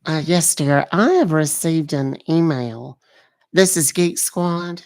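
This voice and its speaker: A man putting on a confused, apologetic elderly woman who talks slowly and calls people dear. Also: a little high, expressive, darkish tone, pitched above the performer's own voice. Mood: polite confused. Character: polite, confused elderly woman phoning for a refund. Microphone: phone call.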